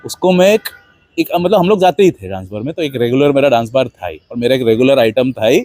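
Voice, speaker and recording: A man's voice: medium pitch, lively intonation, fast, dark tone, no echo. A man telling a rambling personal story in a casual monologue, dropping in English words. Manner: rambling anecdotal, mixing Hindi with English words. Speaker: host.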